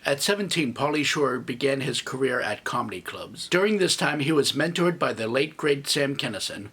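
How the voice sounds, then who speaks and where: A man's voice: medium pitch, fairly bright tone, slightly rough. A man in his thirties giving a comedic movie review with snarky, sarcastic asides. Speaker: film reviewer.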